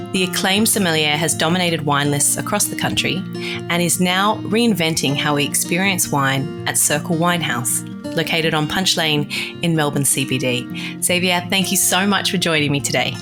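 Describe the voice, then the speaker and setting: A woman hosting a podcast interview, reading the intro and then reacting with eager enthusiasm. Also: deep voice. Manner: enthusiastic, effusive. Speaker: podcast host.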